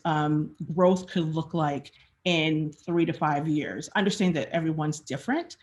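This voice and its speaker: A woman with a lowish voice gives a conversational presentation at a design meetup. She's frank, uses lots of fillers and restarts, and acts out quoted questions as she goes.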